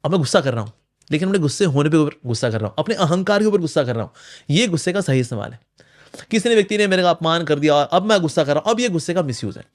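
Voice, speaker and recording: Animated man answering an interviewer. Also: a little high, racing. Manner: animated, acts out inner voices, mixes English phrases. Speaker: spiritual speaker.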